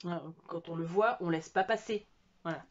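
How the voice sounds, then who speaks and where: A woman's voice: on the low side, moderate pace, lo-fi sound, a little hiss or hum. A French woman chatting casually at home about books she bought, hesitant with many fillers and restarts. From France. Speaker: book vlogger. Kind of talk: casual book haul chat.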